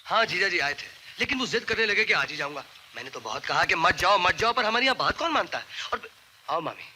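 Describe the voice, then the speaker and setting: An actor playing a gentle, devoted young man who coaxes and teases softly in a film scene. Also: high-pitched, very animated, fairly quick, noisy background. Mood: teasing. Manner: coaxing, teasing, soft-spoken. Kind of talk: 1980s film dialogue. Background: film score.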